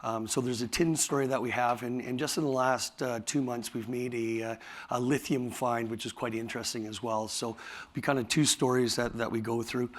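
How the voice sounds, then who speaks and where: A man with a raspy voice, tired from talking all day, presenting his company at a conference in a halting way, with many fillers and restarts. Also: mid-range voice, fairly even intonation. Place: conference hall.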